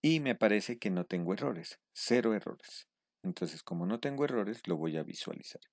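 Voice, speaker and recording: A man teaching step by step in a screen-recorded tutorial. He pauses often to check in with his students. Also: fairly low pitch, animated, dry recording. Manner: patient step-by-step explaining, checking in with a questioning "mm". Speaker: instructor.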